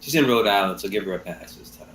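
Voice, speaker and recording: A man chimes in with jokes and eager interjections during a casual trivia chat. His voice sits fairly low but sounds bright and forceful. The room echoes, with a faint hum behind him. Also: fast.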